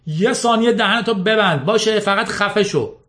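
A man voicing an angry middle-aged father who shouts at another driver after a car crash, in a storybook reading. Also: on the high side, animated, pitched above the performer's own voice. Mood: furious. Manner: commanding, furious.

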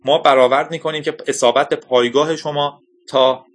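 A man reading the lines of a male air force general with a firm, measured delivery. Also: fairly high pitch, fairly even intonation, pitched above the performer's own voice, lightly acted. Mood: grave.

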